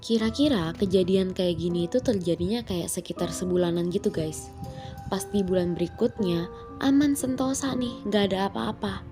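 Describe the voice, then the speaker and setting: Speaking at a moderate pace and medium pitch, a female channel host chats her way through horror stories, addressing listeners as "guys" and dropping in English words. She can't roll her R's, which come out lisp-like. The delivery feels casual yet scripted, with music behind her voice.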